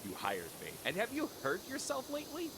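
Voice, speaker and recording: Male stand-in host, hugely animated pitch swings, scripted presenting over noticeable background noise. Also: brisk. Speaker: video editor standing in as host.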